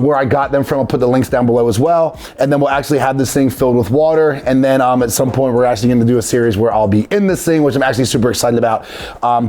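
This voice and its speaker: In his casual how-to videos, this DIY series host chats with viewers informally, addressing them as "guys." His voice is mid-range and a little mellow.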